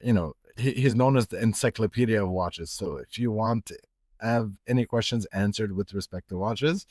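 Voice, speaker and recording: Man, middle-aged, from Egypt, watch retailer, podcast guest, halting, filler-heavy, low voice, dry sound. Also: darkish tone, no echo. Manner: halting, many fillers and restarts. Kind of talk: casual podcast interview.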